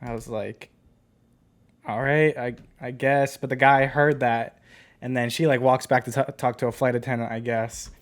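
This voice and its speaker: A man's voice: medium pitch, little pitch movement, moderate pace. A man co-hosting a podcast, casually telling a rambling story full of filler words. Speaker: podcast co-host.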